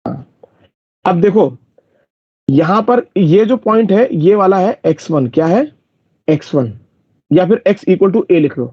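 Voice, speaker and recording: A man's voice: sits high, expressive, slow pace, long pauses, warm tone, husky, no room sound. A man teaching math in a live online class, explaining step by step and checking whether his students follow. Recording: dull lo-fi dry recording.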